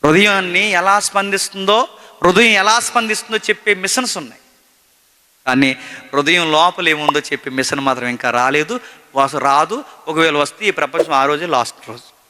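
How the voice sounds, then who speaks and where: A man preaching a sermon, swinging between loud emphatic questions and hushed storytelling. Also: fairly high pitch, moderate pace. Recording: long hall reverb.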